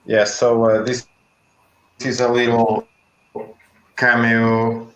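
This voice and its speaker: A man's voice: medium pitch, monotone, fairly bright tone, echoey room, poor audio. A comic artist talking casually while he draws, hesitant and full of fillers. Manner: slow, hesitant, many fillers. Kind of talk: casual chat while drawing.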